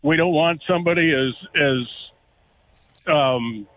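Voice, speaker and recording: A man's voice: a little high, slow pace. A man calling in to a radio show, mocking and exasperated. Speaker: caller. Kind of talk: call-in radio banter. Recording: dull lo-fi phone line with faint noise.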